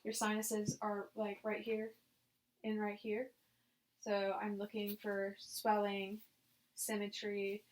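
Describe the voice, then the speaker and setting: Walking through a nursing head assessment, a female examiner casually explains every step and gives her patient instructions. She has a mid-range voice, and the recording is rough.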